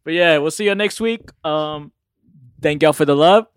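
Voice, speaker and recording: A man's voice: fairly high pitch, moderate pace, clean tone, no echo, clean studio sound. A man hosting a casual podcast chat, slangy and joking in how he talks. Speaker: podcast host.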